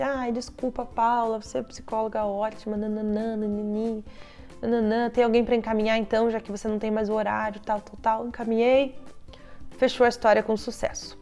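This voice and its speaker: A young woman with a fairly high voice talks in a chatty, casual way, like a therapist sharing advice with colleagues. She tells her stories with lively quoted lines. Soft music plays faintly under her voice. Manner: chatty storytelling, acting out parents' quoted lines. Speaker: child psychologist.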